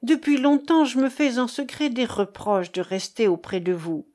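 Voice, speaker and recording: A woman's voice: fairly high pitch, animated, normal speed, a little mellow, natural voice. A woman reading the part of an old male harper who is guilt-haunted, fearful and pleading, within a storybook narration. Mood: anguished pleading. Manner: anguished, pleading.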